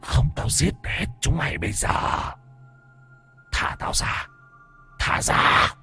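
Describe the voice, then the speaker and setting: A man voicing a possessed young village wife who is cruel and menacing, with a shrill, hissing voice. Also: huge pitch swings, extremely slow, darkish tone, husky, soft background music, heavily acted. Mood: snarling.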